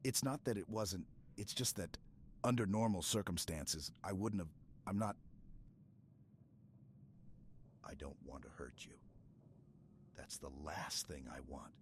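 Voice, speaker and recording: In an intimate sci-fi ASMR roleplay, a deep-voiced man plays a stoic, earnest super-soldier, speaking hushed and haltingly with dramatic pauses. His delivery is expressive, earnest and apologetic, with a little hiss or hum in the audio.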